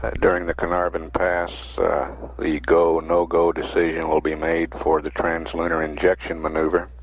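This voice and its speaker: Deep guy doing mission control updates, halting with lots of pauses, muffled old radio feed. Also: completely flat delivery. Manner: halting, unscripted, with frequent mid-sentence pauses. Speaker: mission control public affairs commentator. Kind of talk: measured official live mission commentary. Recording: dull lo-fi archival radio feed.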